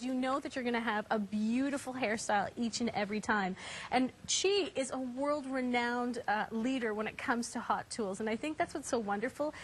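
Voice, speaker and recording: A woman's voice: on the high side, a little hiss or hum. A woman hosting a home shopping show, selling in a chatty, personal way and speaking straight to viewers. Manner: chatty, personal anecdotes, addresses viewers directly. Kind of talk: home shopping host sales chat.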